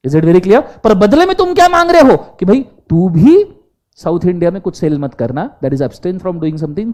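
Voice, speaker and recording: A man teaching law in a classroom lecture, mixing Hindi and English and often asking the class to answer aloud. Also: sits high. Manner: animated, quizzes the class in Hindi mixed with English.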